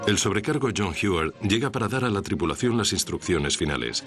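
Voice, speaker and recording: A male documentary narrator with a very low voice. He reads a scripted, dramatic account. Music plays clearly behind him. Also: animated, brisk.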